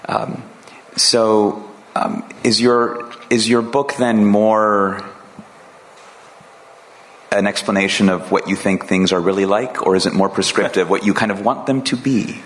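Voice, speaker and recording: A man's voice: on the low side, fairly even intonation, a bit bright. A man interviewing an author, asking long questions with hesitant repeats. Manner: halting, repeating words while forming questions.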